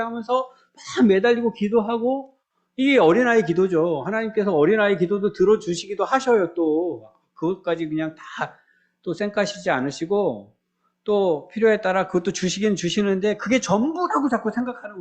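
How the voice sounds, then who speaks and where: A man's voice: high-pitched, darkish tone. A man preaching a sermon in church as pastor, talking conversationally, asking the congregation rhetorical questions and acting out the prayers of believers.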